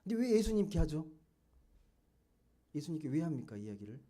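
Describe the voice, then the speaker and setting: Man preaching, lively questioning sermon. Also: on the high side, a little fast. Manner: conversational, asks the congregation many questions. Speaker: pastor. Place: church sanctuary.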